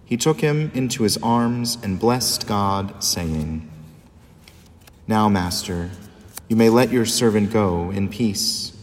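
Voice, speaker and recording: A man, a priest, reading the Gospel and preaching a homily in a measured, solemn liturgical manner, his voice ringing with cathedral echo. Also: lowish voice, expressive. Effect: cathedral echo, long church reverb. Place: large church. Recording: long reverb in a large church.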